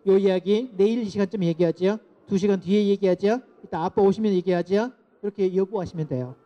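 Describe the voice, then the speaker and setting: A middle-aged man giving a lecture to parents, lively and asking the audience to repeat phrases after him. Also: high voice, fast talker. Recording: dull lo-fi lecture recording.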